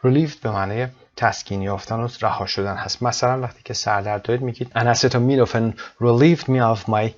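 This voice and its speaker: A male English teacher explaining vocabulary and pronunciation, reading English example sentences slowly and then explaining them quickly. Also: mid-range voice, steady tone. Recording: dull, lo-fi sound.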